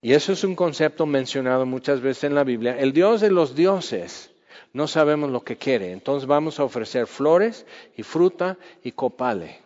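A man preaching a sermon in a conversational way, acting out quoted voices and sometimes dropping to a hush. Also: mid-range voice, animated, moderate pace. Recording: dull sound with long hall reverb.

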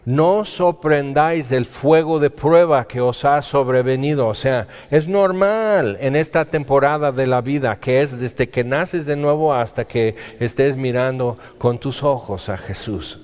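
Male preacher, mid-pitched, wry conversational humor, echoing hall on a muffled recording. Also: measured pace, few pauses, darkish tone. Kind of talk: sermon. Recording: dull, reverberant hall sound.

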